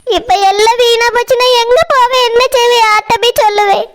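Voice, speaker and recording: A very high, squeaky cartoon bride talks through her tears in a long, self-pitying monologue, as a woman voices her. She sounds lost and miserable, voice wet with crying. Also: steady tone, quick pace, a bit bright, a little hiss or hum. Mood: tearful. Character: tearful new young bride, miserable and lost. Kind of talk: cartoon voice acting.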